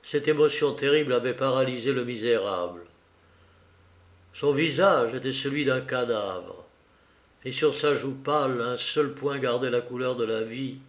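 A man reading a novel aloud with measured, dramatic pauses, in an echoey room. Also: medium pitch. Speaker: audiobook reader.

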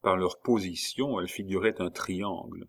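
A man reading a historical novel aloud in a measured, dramatic narration. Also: sits low, gravelly. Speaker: audiobook narrator. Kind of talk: scripted narration.

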